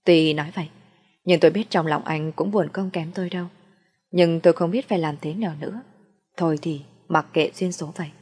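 A woman's voice: fairly low pitch, fairly quick, darkish tone, breathy edge. A woman narrating a first-person story in a plain, confiding way.

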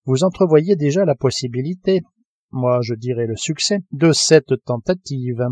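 A man's voice: medium pitch, normal speed, breathy edge, no echo, close to an everyday voice. A man voicing a proud ironic sea captain. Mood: confident. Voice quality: calm, ironic, commanding.

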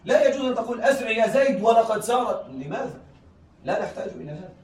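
Male teacher for a classroom lesson: quick, fairly high voice, always checking that students keep up and repeating key phrases. Recorded from across an echoey room. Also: expressive, a little mellow. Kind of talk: classroom lesson on Arabic rhetoric. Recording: echoey room, heard from a distance, faint noise.

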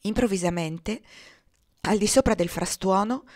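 A woman reading a translated memoir aloud as audiobook narration, with slow, dramatic pauses. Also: mid-range voice, a little mellow. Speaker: reader.

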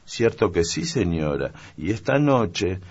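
A man doing a lively young servant girl. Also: low voice, slow pace, breathy edge, muffled recording, pitched above the performer's own voice, full character voice.

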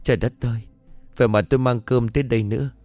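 A man's voice: medium pitch, fairly even intonation, fast, a little mellow, no room sound, soft background music, close to an everyday voice. A man doing a fussing, loyal middle-aged maid. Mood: fussing, reassuring. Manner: fussy, reassuring.

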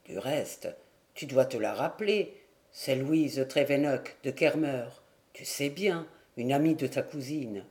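A woman reading an audiobook, voicing a grief-stricken young husband in a low, broken, tearful voice. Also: slow, a little mellow. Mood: grieving.

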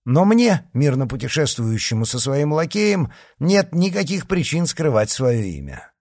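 A man's voice: on the high side, sing-song, unhurried, a little mellow, dry recording, studio quality, voice pushed up. A man reading a story aloud and voicing a bold, hot-tempered young musketeer who speaks in a brash, defiant way. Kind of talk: audiobook character reading.

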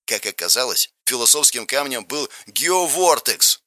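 An earnest craftsman from an audiobook lays things out in a measured, matter-of-fact way, as a male reader voices him. His voice stays near the narrator's own, with a lively rise and fall. The recording is dry and close. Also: mid-range voice, no room sound.

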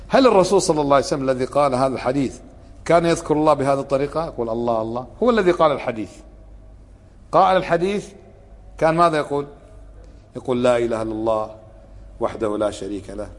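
A man's voice: medium pitch, in a large hall. A man gives a religious lesson on creed, asking his listeners questions and answering them himself, with a sarcastic edge. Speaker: sheikh teaching a book on creed.

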